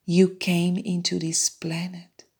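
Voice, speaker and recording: A woman guiding a hypnosis meditation in a soft unvoiced whisper, repeating soothing suggestions. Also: fairly low pitch, level tone, slow pace, breathy edge. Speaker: meditation guide.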